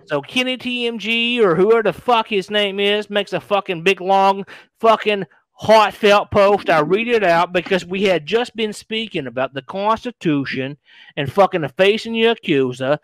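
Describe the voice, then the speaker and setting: New host in a stream fight, fairly high voice, combative, sarcastic and profane, dry close sound. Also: male voice, normal speed, fairly bright tone, dry recording. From New England. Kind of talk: heated live-stream argument.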